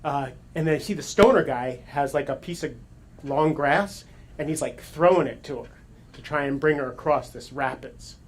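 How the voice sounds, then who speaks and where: Man telling a lively story. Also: a little high, moderate pace. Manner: animated, excited retelling with self-corrections and laughs. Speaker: coach and speaker. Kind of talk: storytelling talk to an audience.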